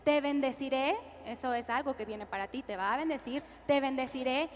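A woman's voice: high-pitched, brisk, a little hiss or hum. A woman preacher with a Latin American Spanish accent, leading the congregation in repeated declarations during a sermon. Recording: reverberant church hall with music. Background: music.

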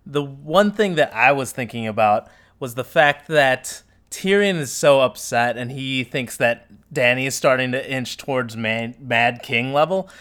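A man's voice: medium pitch, lively intonation, a little slow, hardly any pauses, a bit bright, smooth. A man in the middle of his range hosts a laid-back podcast recap. He talks at an easy, chatty pace and sometimes drops in an "um" while he gathers his thoughts. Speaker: podcast host. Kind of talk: casual podcast chat.

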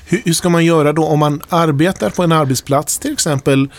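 A man hosting a radio talk show, asking calm questions and reading the closing announcement. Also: fairly high pitch, no echo, studio quality. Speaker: radio host. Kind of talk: radio interview and scripted outro. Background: music.

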